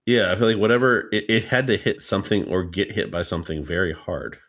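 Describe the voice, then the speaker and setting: A man with a very low voice reads technical passages in a steady, measured way and joins in casual podcast chat. The sound is dry and close. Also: dry recording. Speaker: podcast co-host. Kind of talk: reading a report aloud, casual chat.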